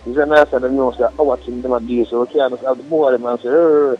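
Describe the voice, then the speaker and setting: A man's voice: mid-range voice, steady tone, fast talker, husky. A Jamaican man speaking casual, slangy patois on a tinny three-way phone call. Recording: tinny phone line with faint music.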